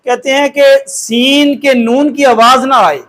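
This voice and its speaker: A man teaching Quran recitation step by step, patiently checking in with his students and stretching out each syllable slowly as he demonstrates it. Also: very high voice, fairly even intonation, pushed and bright.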